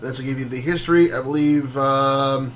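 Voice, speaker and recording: Man, mid pitch, easygoing game streamer, rambling explanations, faint background hum. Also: moderate pace. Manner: relaxed, rambling explanations with many fillers. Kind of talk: casual gameplay commentary.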